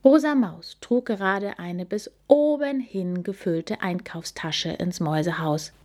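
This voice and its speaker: A woman narrating a children's story in a gentle, even storytelling manner. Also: medium pitch, measured pace.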